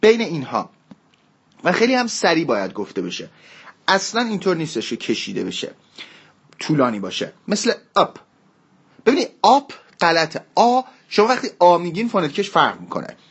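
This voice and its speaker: A man teaching English pronunciation in a recorded lesson, explaining patiently and slowly repeating the sample words. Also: fairly high pitch, wildly swooping pitch, slightly rough.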